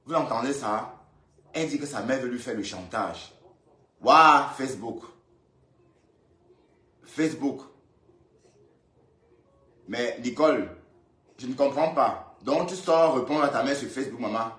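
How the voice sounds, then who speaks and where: A man's voice: medium pitch, normal speed. Echoey male commentator scolding. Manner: lively, scolding and repetitive, addressing her directly. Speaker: commentator reacting to a live video. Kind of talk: casual commentary. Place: indoors, in Brussels. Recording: roomy echo.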